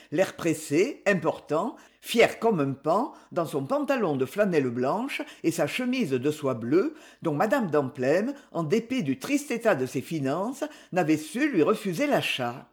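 A woman narrating a novel aloud in an expressive reading style. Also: on the low side.

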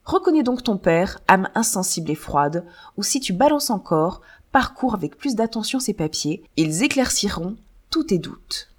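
A woman's voice: medium pitch, big pitch swings, moderate pace. A woman reading as a destitute pleading father. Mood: reproachful. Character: impoverished older man claiming fatherhood, insistent.

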